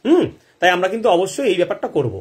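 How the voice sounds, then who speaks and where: A man's voice: sits high, very animated, very fast. A man hosting a live gardening Q&A. He answers viewers' questions and asks himself rhetorical questions, checking in with the audience often. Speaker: gardening advice host.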